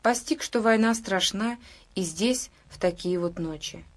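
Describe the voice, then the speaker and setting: Woman narrating a novel, calm and even, middle pitch. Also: unhurried. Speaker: audiobook reader. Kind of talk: scripted narration.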